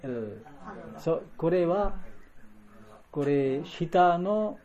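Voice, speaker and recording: A man's voice: sits high, very slow, mellow, muffled recording. A man teaching pronunciation to a group in a live lesson, repeating words and restarting often as he sounds out letters.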